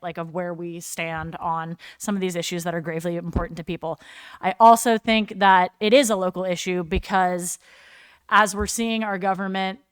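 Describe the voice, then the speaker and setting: Woman, 30s, council member, smooth low voice, measured and earnest, dry desk mic. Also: no room sound. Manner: measured, earnest, with frequent ums. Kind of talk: council remarks. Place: city council chamber.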